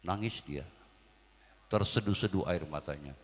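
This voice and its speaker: A man preaching a comic sermon, swinging between loud calls to the crowd and quiet asides. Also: sits low, unhurried, long reverb tail.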